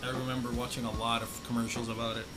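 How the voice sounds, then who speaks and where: A man's voice: mid-range voice, level tone, fast, low-quality recording. A man chatting casually about film and TV as a podcast co-host, loose, slangy and rambling, with some swearing. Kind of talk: casual film and TV chat with profanity. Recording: loud music behind the talk. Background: loud music.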